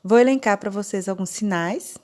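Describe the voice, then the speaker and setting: A woman with a Brazilian Portuguese accent teaching a recorded online lesson, explaining slowly and step by step. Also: medium pitch, darkish tone. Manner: slow, deliberate, explaining step by step. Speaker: sign language teacher.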